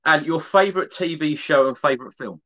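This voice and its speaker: A man's voice: fairly high pitch, fairly quick, fairly bright tone, muffled recording. A man hosting a podcast, putting brief, upbeat questions to his guest. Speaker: podcast host. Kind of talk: interview questions.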